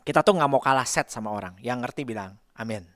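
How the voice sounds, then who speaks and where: A man's voice: medium pitch, animated, fast talker, a bit bright, no echo, studio quality. A male preacher giving a casual, humorous sermon at a church service and often calling on the congregation to respond. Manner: chatty and humorous, calls on the congregation.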